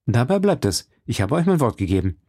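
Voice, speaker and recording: A man reading an audiobook gives voice to a young cavalier, calm and courteous, sure of himself. His tone carries a gravelly edge and is recorded close and dry. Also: medium pitch, a little fast, no room sound. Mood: assured. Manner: calm, reassuring.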